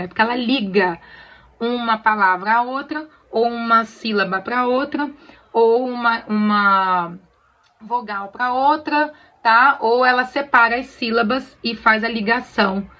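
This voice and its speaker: A Brazilian woman gently teaching church choir singers to read sheet music, often checking they follow along. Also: on the high side, moderate pace, muffled recording. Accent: Brazilian Portuguese. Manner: friendly, explains patiently with many "tá bom?" checks. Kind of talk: casual tutorial on reading sheet music.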